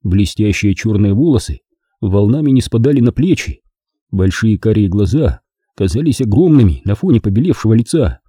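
A man's voice: lowish voice, moderate pace, breathy edge, no room sound, studio quality. A man reading a detective novel aloud in the first person, telling it expressively. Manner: expressive storytelling. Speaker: audiobook reader.

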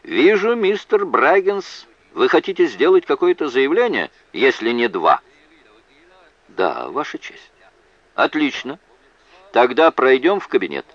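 A man's voice: mid-range voice, very animated, a little slow, fairly bright tone, no room sound, muffled recording, voice pushed up. A man voicing a stern older male judge who calls the courtroom to order. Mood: dry. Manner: commanding.

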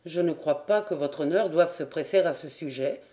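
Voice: mid-range voice, moderate pace, dark tone, natural voice. A reader voicing an earnest young captain. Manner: earnest, a little impatient. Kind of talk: audiobook character voice.

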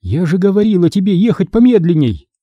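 A man's voice: high-pitched, big pitch swings, brisk, warm tone, dry recording, muffled recording, voice pushed up. A man voicing an anxious, scolding middle-aged mother in an audiobook, speaking urgently and reproachfully.

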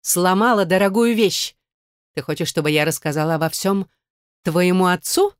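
A woman's voice: fairly low pitch, moderate pace, smooth, dry recording, studio quality, lightly acted. A woman voicing a cold, stern noblewoman stepmother who scolds harshly. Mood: scolding. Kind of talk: audiobook role reading.

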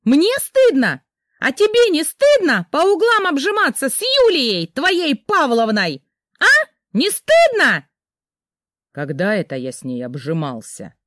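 A woman's voice: sits high, huge pitch swings, a little slow, fairly bright tone, dry recording, studio quality, voice pushed up, exaggerated voice. A woman voicing a jealous young wife who screams accusations at her husband, in an audiobook reading. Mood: furious shrieking. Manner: shrieking accusations. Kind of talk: audiobook character voice.

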